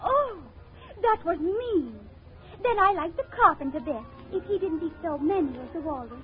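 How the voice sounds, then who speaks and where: A woman's voice: very high voice, lively intonation, moderate pace. A woman voicing a prim, curious young girl in a storybook recording, polite and earnest. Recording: tinny old record with faint music.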